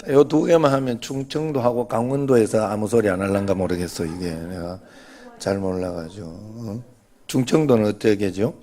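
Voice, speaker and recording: Joking Korean pastor with a low voice. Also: male voice, moderate pace, warm tone. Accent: Gyeongsang Korean. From Gyeongsang region, Korea. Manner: joking, chatty, leads the congregation in greetings. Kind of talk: sermon with playful banter.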